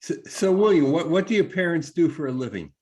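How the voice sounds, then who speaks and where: A man's voice: a little high, expressive, fairly quick, a little mellow. A man co-hosting an admissions webinar, asking direct, probing questions. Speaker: co-host admissions expert. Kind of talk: webinar interview.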